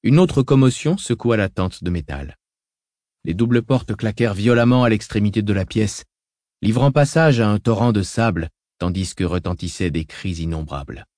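A man narrating an audiobook in a measured, dramatic reading style. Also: lowish voice, lively intonation, darkish tone, no echo, clean studio sound.

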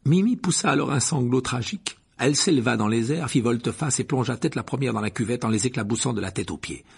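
A man narrating a storybook with an expressive reading. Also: mid-range voice, fast, gravelly, husky. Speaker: audiobook narrator.

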